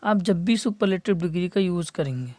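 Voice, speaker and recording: Mellow-voiced male teacher spelling words out. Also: sits high, lively intonation, no room sound. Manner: spells words letter by letter and repeats key terms; stretches words slowly for emphasis. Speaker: English teacher for competitive exams. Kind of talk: classroom lesson.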